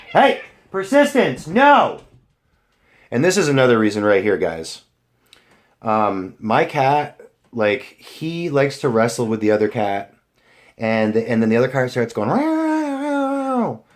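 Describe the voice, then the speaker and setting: A man's voice: medium pitch, normal speed. A young man rambling casually to his viewers, full of fillers and restarts. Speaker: vlogger. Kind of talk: rambling casual vlog chat.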